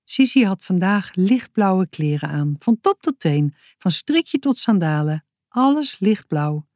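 A woman reads a children's story aloud in a clear, even, mid-range voice. The recording is close and dry, with no room echo at all. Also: medium pitch, measured pace. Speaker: narrator.

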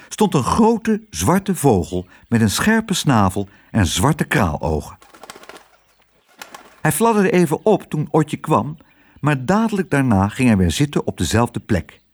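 Man, storybook narrator, very animated pitch, expressive read-aloud. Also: husky. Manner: expressive, voicing each character.

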